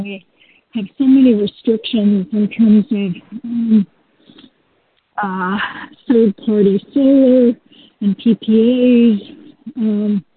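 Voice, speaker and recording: A woman on a webinar, talking hesitantly with many pauses, heard through a muffled speakerphone. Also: on the high side, slightly rough. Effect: muffled speakerphone sound. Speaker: panelist on a webinar. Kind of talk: unprepared casual remarks. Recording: muffled phone line.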